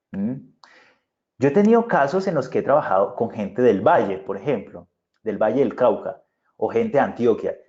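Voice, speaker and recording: A warm, medium-pitched man with a Bogotá Colombian accent, working as a public speaking consultant, gives a conversational lecture at a virtual conference. He frequently checks in with his audience. The video-call audio sounds muffled.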